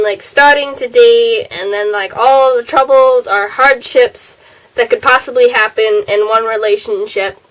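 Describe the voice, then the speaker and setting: A teenage girl chats to her camera from her bedroom in a bright, high voice. She rambles with quick, giggly asides, recorded through a plain built-in laptop mic. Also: rough recording. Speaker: vlogger. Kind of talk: casual chatty vlog. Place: bedroom at home.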